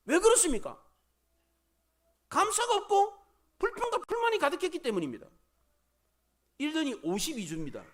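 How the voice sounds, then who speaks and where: A middle-aged man preaching a Sunday sermon as pastor in a church, animated, rising and dropping for emphasis and acting out grumbling crowd voices. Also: extremely high pitch, moderate pace, long pauses. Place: church sanctuary.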